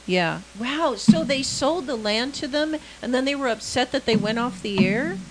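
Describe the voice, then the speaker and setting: A woman co-hosting a morning farm radio show, chatty and quick to exclaim and laugh. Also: sits high, animated, very noisy. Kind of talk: casual on-air chat. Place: radio studio.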